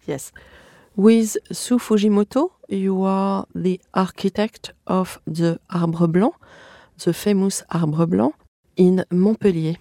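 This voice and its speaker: A woman's voice: medium pitch, fairly even intonation, slow pace, warm tone, dry recording, clean studio sound. A woman with a French accent, hosting a podcast with introductions and interview questions. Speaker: podcast host.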